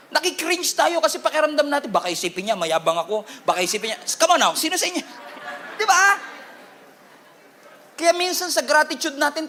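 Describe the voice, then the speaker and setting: A Filipino man preaching to a congregation with a strikingly high voice. He delivers the sermon with humor and animation and keeps calling for responses. Faint ambient noise hangs behind him in the church. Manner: animated, humorous preaching with Taglish code-switching. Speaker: pastor.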